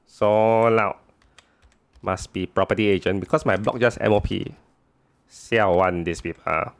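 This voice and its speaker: A man's voice: lowish voice, steady tone, measured pace, vocal fry. A man playing an everyday Singaporean telling grumbling anecdotes in colloquial Singlish with clipped grammar. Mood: annoyed. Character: animated, complaining everyday Singlish-speaking man.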